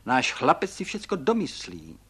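A man's voice: husky, exaggerated voice. A man reading aloud who voices a small, boastful older man, exclaiming eagerly in a storybook reading. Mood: gleeful. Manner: exclaiming, high and excited. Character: tiny cheerful older man, boastful and excitable.

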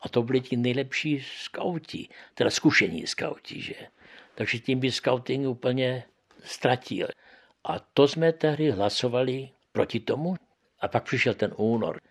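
An older man from Moravia in the Czech Republic, with a gravelly, husky, medium-pitched voice, recounts his youth as a witness in an oral history. He speaks conversationally, keeps adding tag questions, and acts out quoted lines more loudly.

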